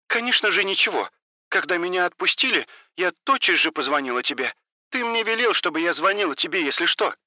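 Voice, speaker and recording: A man's voice: sits high, very animated, moderate pace, bright, forceful tone, no room sound, pitched above the performer's own voice, exaggerated voice. A man voicing a frightened woman caught up in drug dealing, talking in a scared, pleading way.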